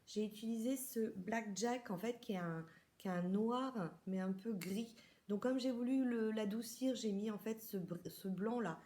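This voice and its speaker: A woman's voice: mid-range voice, unhurried, dark tone, slight background noise. A woman from France chatting to camera about a makeup haul, talking casually with many hesitations and restarts. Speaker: beauty vlogger.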